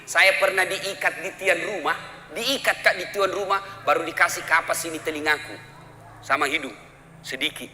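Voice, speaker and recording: A man preaching a sermon, animated, acting out mothers and children in raised voices. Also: fairly high pitch, slight background noise. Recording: echoey hall with faint ambience.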